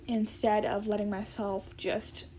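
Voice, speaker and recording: A woman's voice: mid-range voice, level tone, unhurried, dark tone, slight background noise. A woman in her twenties chatting casually to camera, hesitant and rambling, often correcting herself as she goes. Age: 20s. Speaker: vlogger. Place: indoor room at home with plants.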